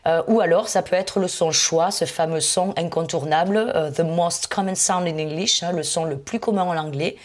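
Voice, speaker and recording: A woman's voice: lowish voice, normal speed, few pauses. A woman teaching English words in an online lesson, explaining patiently with frequent fillers.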